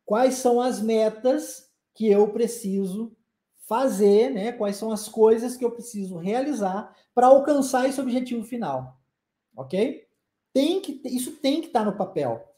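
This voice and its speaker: Lively Brazilian woman teaching English. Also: on the high side, echoey room. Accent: Brazilian Portuguese. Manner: lively, coaxing, with frequent check-ins to the listener; says English model sentences slowly and deliberately. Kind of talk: live online language lesson.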